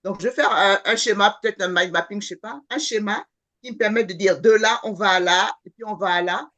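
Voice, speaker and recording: A woman's voice: medium pitch, brisk, fairly bright tone. A woman taking part in a webinar, thinking aloud about her plans, hesitating and searching for words. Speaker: webinar participant.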